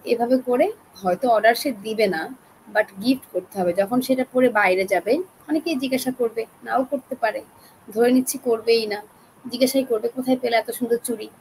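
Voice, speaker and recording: A woman with a Bangladeshi accent teaching an online class, chatty and coaxing, keeping her voice soft to spare her throat. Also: fairly high pitch, normal speed, a little hiss or hum, rough recording. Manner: chatty, coaxing, talks straight to learners.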